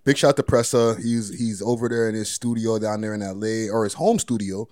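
A man's voice: on the low side, fairly even intonation, a little fast, a little mellow, dry recording, studio quality. A man hosting a podcast in casual, slangy talk, often repeating his phrases. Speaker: podcast host.

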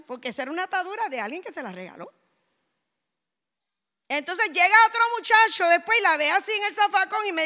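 High bright woman preaching, acts out the stories, echoey hall. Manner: animated storytelling, acts out dialogue. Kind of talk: sermon with lively anecdotes.

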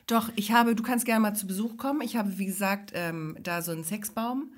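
A woman's voice: medium pitch, fairly quick. A woman co-hosting a casual podcast, telling a rambling, self-mocking comic story. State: recovering from illness. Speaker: podcast co-host. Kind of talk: casual comedic chat.

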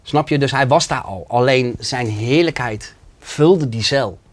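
A man's voice: mid-range voice, measured pace. Man, interview guest, earnest and emotional personal testimony.

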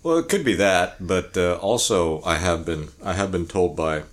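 Deep-voiced blunt man rambling. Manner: rambling, blunt and profane, many restarts; speaks rapidly by his own account. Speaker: podcast co-host. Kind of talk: casual chat.

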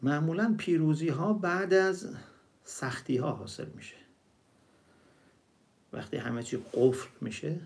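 A man giving a religious storytelling sermon, explaining word meanings and reciting verses slowly. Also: fairly high pitch, vocal fry, a little mellow. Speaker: preacher.

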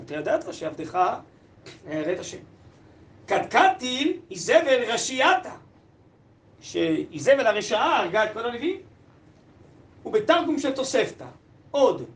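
Man, teacher, very high voice, text-study lesson, quizzes the class, translates sources aloud, echoey classroom. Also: a bit bright. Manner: asks the class questions, translates Aramaic aloud.

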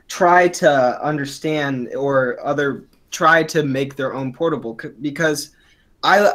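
Talking a little high and a bit bright, a young man of twenty co-hosts a casual podcast, rambling with frequent restarts and plenty of fillers.

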